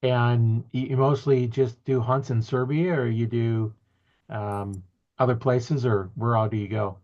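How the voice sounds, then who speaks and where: A man's voice: medium pitch, fairly even intonation, unhurried, a little mellow, lo-fi sound. A man hosting a podcast interview over a video call, talking in a folksy, rambling way with fillers. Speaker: podcast host.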